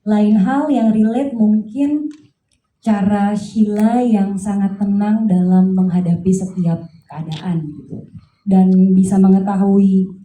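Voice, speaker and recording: Woman actress, very mellow voice, echoey room. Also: mid-range voice. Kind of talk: press conference answer. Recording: echoey room, distant mic.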